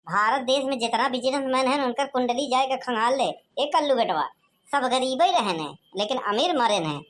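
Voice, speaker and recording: High-voiced woman with an Awadhi accent. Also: animated, normal speed. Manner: brash village banter, scolding and teasing. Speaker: cartoon voice performer. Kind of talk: rustic cartoon comedy dialogue.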